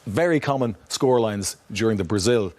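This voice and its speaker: Quick-talking man hosting football analysis. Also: fairly low pitch, a little mellow, dry recording. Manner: leads with long questions and quick acknowledgements. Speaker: studio presenter.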